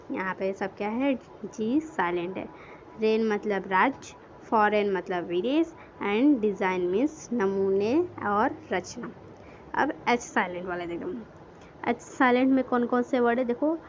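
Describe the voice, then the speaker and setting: Woman teaching, spelling words aloud. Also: fairly high pitch. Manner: asks questions and answers them herself; mixes English words into Hindi. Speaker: English grammar teacher. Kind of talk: classroom lesson explaining words. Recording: dull lo-fi recording with faint noise.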